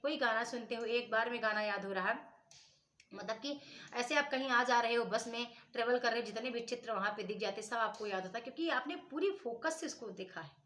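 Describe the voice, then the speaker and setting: A woman's voice: a little high, a little fast, a bit bright. A woman teacher giving study advice in a casual spoken lesson, chatty and repetitive, often checking in with her listeners. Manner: conversational, repeats points, frequent "ठीक है" check-ins.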